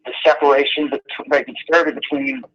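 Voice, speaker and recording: A man's voice: mid-range voice, steady tone, fast, a little hiss or hum. A man talking over the phone as an interview guest, telling rambling, self-deprecating stories in a casual way. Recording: muffled phone line.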